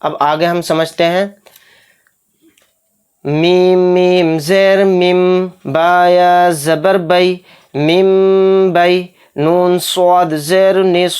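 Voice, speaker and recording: A patient recitation teacher spells out syllables one by one in a smooth, clean voice at an unhurried pace. The teacher breaks off into brisk asides to explain each rule, often asking a question and answering it. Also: mid-range voice, flat delivery, darkish tone. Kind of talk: step-by-step spelling and recitation lesson.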